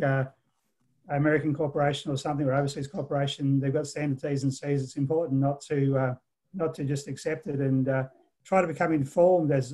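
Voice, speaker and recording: A man's voice: medium pitch, mellow. A middle-aged man, a cybersecurity consultant on a video-call panel, explaining contract advice step by step. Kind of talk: webinar panel discussion.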